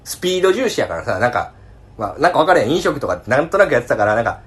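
A man in his thirties with a Kansai accent, telling stories in a casual podcast chat, animated and laughing often. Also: medium pitch, rapid-fire. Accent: Kansai Japanese. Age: 30s. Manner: animated storyteller, laughs often, acts out coworkers' voices. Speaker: podcast co-host.

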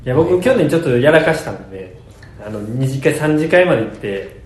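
Quick, easygoing young man. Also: medium pitch, big pitch swings, darkish tone. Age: young adult. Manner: polite, easygoing replies and dry quips. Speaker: podcast co-host, comedian. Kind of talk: casual chat. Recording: echoey room.

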